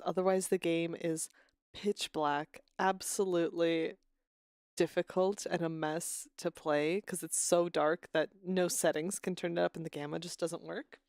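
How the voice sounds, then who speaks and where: A woman with a lowish voice chats casually with her stream viewers, rambling and restarting her sentences. She sounds a little unwell and coughs. The recording is dry and studio quality.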